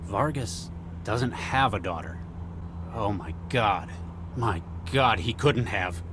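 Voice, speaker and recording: A grave, remorseful male agent in a sci-fi game. His voice is very low, measured and earnest, with clear noise behind it. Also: expressive. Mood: shocked, sorry. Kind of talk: video game voice acting.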